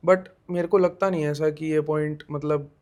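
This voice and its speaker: A man in his twenties speaks as a podcast guest. He is easygoing and stops on small fillers as he works out his point. His voice sits a little high for a man. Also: steady tone, darkish tone. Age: 20s. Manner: easygoing, halting with fillers like "matlab". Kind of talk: casual interview chat.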